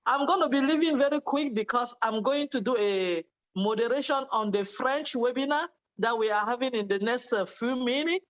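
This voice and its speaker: Fervent woman from Cameroon, high voice. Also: normal speed, highs cut off. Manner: fervent, repetitive thanks. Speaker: webinar participant. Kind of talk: testimonial speech.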